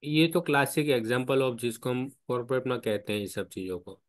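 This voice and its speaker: A man's voice: mid-range voice, normal speed. Patient man guiding an online discussion. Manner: patient, questioning, explains step by step. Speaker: study group guide. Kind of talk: spiritual discussion. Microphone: online call.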